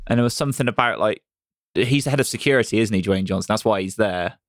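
A man hosting a casual podcast chat, lively and questioning, with many "like" fillers. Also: fairly low pitch, quick pace, no echo, clean studio sound.

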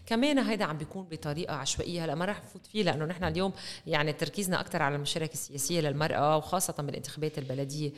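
A woman's voice: low-pitched, rapid-fire. A woman with a Lebanese Arabic accent speaking as the interviewer in a conversational discussion. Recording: echoey hall with long reverb.

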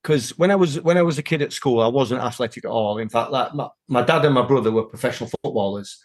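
A British man, a martial artist guest, telling casual stories with animated quoted voices. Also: medium pitch, fast. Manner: animated anecdotes with acted quotes. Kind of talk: casual storytelling chat.

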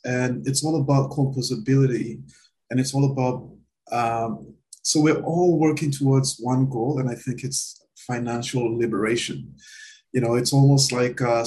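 A man interviewing a guest in casual chat, speaking hesitantly with many pauses and restarts. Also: mid-range voice, darkish tone, rough recording.

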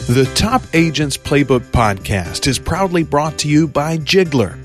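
A man's voice: a little high, animated, measured pace. A man reading a scripted podcast promo as an announcer. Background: music.

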